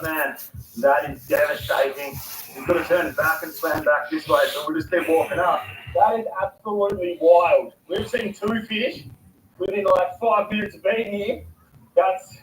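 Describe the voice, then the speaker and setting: Man, high voice, excitable fishing vlogger, distant echoey outdoor recording with background noise. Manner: excitable, exclaiming loudly, slangy. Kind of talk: casual outdoor fishing commentary. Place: outdoors by the water.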